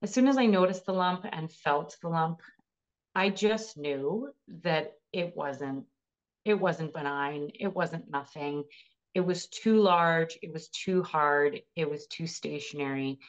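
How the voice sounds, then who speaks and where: Low-voiced woman telling her story. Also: unhurried, highs cut off. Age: 30s. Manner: earnest, emotional retelling. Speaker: cancer patient sharing her story. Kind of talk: personal storytelling interview.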